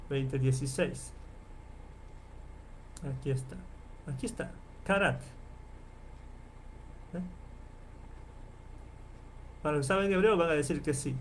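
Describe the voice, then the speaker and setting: A man lecturing as a professor in an online class, explaining and repeating terms slowly and checking in with his listeners often. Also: on the high side, slight background noise. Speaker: Bible professor.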